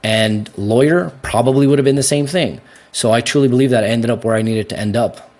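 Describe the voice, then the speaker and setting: A young Canadian man answering interview questions in a casual, animated way, laughing easily and often restarting his sentences. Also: mid-range voice, a little fast. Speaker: guest.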